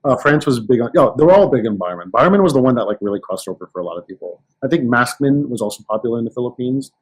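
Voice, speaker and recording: A man in casual podcast chat, telling anecdotes with animated restarts. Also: medium pitch, fast talker, breathy edge, rough recording. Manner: storytelling, animated, many restarts. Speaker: podcast guest.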